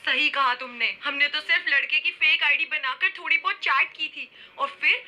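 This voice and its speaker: A woman's voice: high voice, moderate pace, background noise, lightly acted. A woman reading the chat messages of a frightened, guilt-ridden young woman aloud. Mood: scared.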